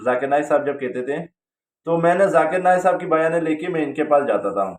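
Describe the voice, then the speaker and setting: A man's voice: on the high side, lively intonation. A man casually telling a personal story, rambling, with frequent hesitations. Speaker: storyteller recounting his religious journey. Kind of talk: casual spoken testimony. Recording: roomy, distant from the mic.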